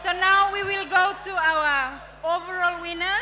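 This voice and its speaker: Female pageant announcer, very high pitch, formal results delivery, long hall reverb over music. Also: a little slow, noisy background. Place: live stage event in reverberant venue.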